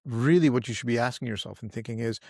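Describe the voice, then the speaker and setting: A man co-hosting a history podcast in casual chat, measured and reflective. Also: medium pitch, creaky, a little mellow, dry recording, studio quality. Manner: reflective, measured, breaks into laughs. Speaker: podcast co-host.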